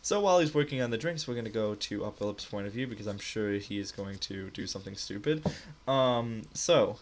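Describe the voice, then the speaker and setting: A man's voice: lowish voice, expressive, a little fast. A young man narrating as game master in a live tabletop game, loose and rambling with lots of fillers.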